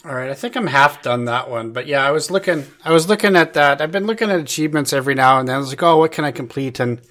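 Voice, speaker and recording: A man's voice: a little high, animated, fast, fairly bright tone. A man co-hosting a casual gaming podcast, easygoing, often repeating words as he thinks. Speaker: podcast co-host.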